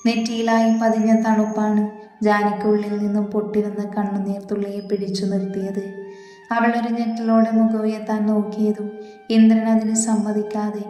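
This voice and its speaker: Soft-voiced woman reading a story. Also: medium pitch, monotone, normal speed. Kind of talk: read-aloud romance story narration. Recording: echoey reverberant room with faint music.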